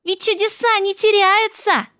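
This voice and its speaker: A woman storyteller voicing an eager, cheerful little village girl in a children's story, with a high, piping, childlike voice. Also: a little slow, dry recording, studio quality, full character voice. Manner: bright piping childlike voice, excited. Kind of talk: storybook character voice.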